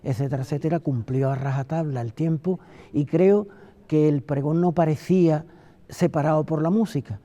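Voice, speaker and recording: A man's voice: fairly high pitch, normal speed, dark tone, dull audio. A man recollecting at a round table in formal, carefully phrased sentences. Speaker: panel guest, former Holy Week proclamation speaker.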